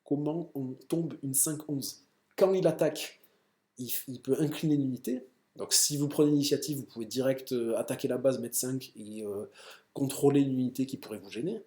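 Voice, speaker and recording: A man casually explaining card game decks with enthusiasm, full of fillers and quick self-corrections. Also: mid-range voice, fairly even intonation, mellow, reverberant. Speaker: card game deck presenter.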